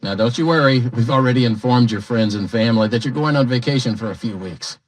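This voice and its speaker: An actor voicing a falsely cheerful corporate dispatcher in a video game, chipper and glib. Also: male voice, mid-range voice, fast, lightly acted. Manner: chipper, glib, smooth-talking. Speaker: company dispatcher. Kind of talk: scripted video game dialogue.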